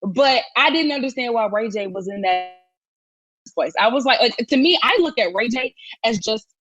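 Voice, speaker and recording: A woman's voice: a little high, lively intonation, normal speed, fairly bright tone, lo-fi sound. A woman co-hosting a casual chat podcast, opinionated and emphatic, with frequent restarts. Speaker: podcast co-host.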